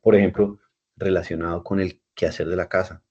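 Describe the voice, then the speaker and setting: A man's voice: deep voice, little pitch movement, fairly quick, a little mellow, slightly rough. A man teaching an English class in over a video call, patiently repeating and spelling out words. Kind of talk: online class lecture. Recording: dull lo-fi video call audio.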